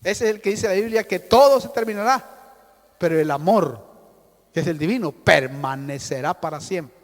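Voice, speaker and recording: A man preaching a sermon in a church hall, his voice very high and gravelly. It rings out with long reverb as he swings into sudden loud outbursts and acts out quoted voices. He keeps calling his listeners brother. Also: normal speed. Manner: addresses listeners as hermano. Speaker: pastor.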